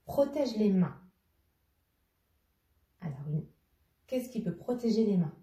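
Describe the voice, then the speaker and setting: Addressing a young child directly, a female teacher with a mellow, medium-pitched voice poses riddles at a slow, patient pace and says every clue again. The mic is somewhat distant, giving a roomy sound.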